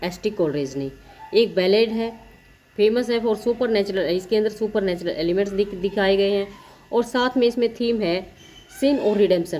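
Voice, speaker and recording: A woman teacher giving an exam-prep lecture. She explains in Hindi and reads the English questions aloud slowly, often checking in with her listeners and correcting herself as she goes. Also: medium pitch, mellow, a little hiss or hum, low-quality recording. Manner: frequent self-corrections and "theek hai" check-ins.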